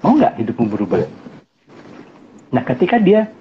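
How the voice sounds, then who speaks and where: Man, guest speaker, animated storyteller who acts out quotes, lightly muffled live-stream sound. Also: medium pitch, moderate pace, slight background noise. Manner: animated, acts out quoted people in raised voices, chuckles often. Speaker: guest speaker on family life. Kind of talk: casual talk on an Instagram Live.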